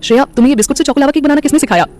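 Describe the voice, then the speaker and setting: A woman's voice: high-pitched, racing, darkish tone, voice pushed up, close to an everyday voice. A woman voicing a playful, caring young man in a romantic audio story. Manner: playful, joking.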